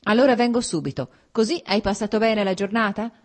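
A woman reading aloud, voicing a fastidious older male intellectual who fusses but is fond of his brother. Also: medium pitch, a little mellow, pitched above the performer's own voice, natural voice. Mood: fussy.

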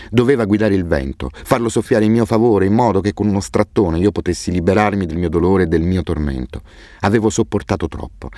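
A man reading an audiobook with expressive, measured storytelling. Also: on the low side, dry recording, clean studio sound. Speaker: audiobook narrator. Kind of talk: scripted narration.

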